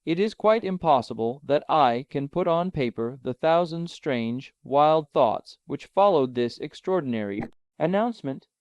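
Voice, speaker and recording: A man reading a classic adventure novel aloud in a measured, dramatic narration. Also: fairly high pitch, expressive, a little mellow, clean tone, dry recording. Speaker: audiobook narrator. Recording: dull, lo-fi, dry.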